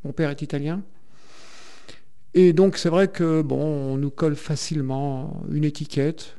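A French singer chats as a guest in a radio interview, hesitant and full of fillers and restarts. His voice is a little high, warm and smooth, with a steady tone and a slightly slow pace.

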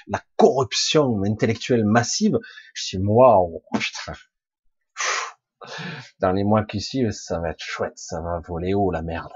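Hoarse, raspy low-voiced man. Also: dry recording, highs cut off. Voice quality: husky, raspy, chesty voice. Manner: rambling, blunt, casually sweary, emphatic. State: hoarse, recovering voice with a cough. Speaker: spiritual vlogger speaking to followers. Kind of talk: informal spoken monologue.

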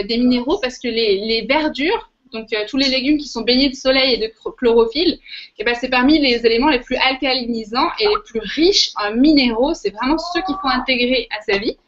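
A woman's voice: on the high side, moderate pace, fairly bright tone, slight background noise. A woman hosting a workshop, giving an informal, chatty demonstration with a hesitant way of explaining. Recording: muffled, lo-fi audio.

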